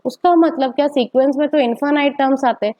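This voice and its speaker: A woman's voice: high-pitched, quick pace, mellow. A woman teacher gives a step-by-step maths lecture, often asking rhetorical questions and checking in with "okay".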